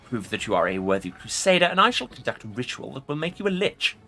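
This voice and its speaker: A man performs an ancient undead lich from a fantasy game, pompous and scornful. The delivery is forceful and swings widely in pitch as he issues haughty, formal pronouncements, with music underneath. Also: very animated, fast talker. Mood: irritated, haughty. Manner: pompous, imperious formal speech. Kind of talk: dramatic video game role-play reading.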